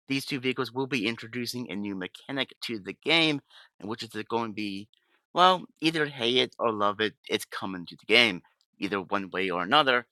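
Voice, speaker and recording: A man with a mid-range voice that sounds pushed and bright, recorded dry, hosts laid-back gaming commentary while obviously sick. He rambles and keeps correcting himself as he goes.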